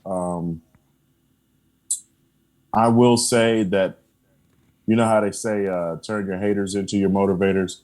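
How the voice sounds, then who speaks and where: Earnest low-voiced man, podcast guest. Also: fairly even intonation, measured pace, long pauses, a little mellow. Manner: emphatic, earnest, repeats affirmations; laughs between points. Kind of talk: casual conversation.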